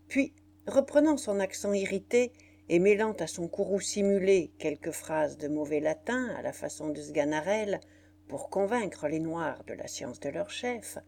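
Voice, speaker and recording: Expressive woman reading a classic novel. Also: fairly low pitch, a little slow, vocal fry. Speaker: audiobook narrator. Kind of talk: audiobook narration of a classic novel.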